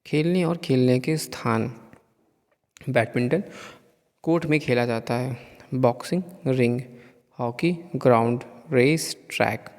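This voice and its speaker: A man teaching a lesson, reading pairs of words slowly, one after another with pauses. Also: medium pitch, a little mellow, big-room sound. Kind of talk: slow reading of vocabulary lists for a lesson.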